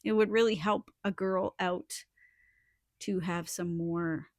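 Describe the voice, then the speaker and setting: A woman vlogger chatting casually to her viewers in an informal, halting way, thinking aloud as she goes. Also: on the low side, steady tone, no echo, clean studio sound. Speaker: vlogger and small soap business owner. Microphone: small add-on phone microphone.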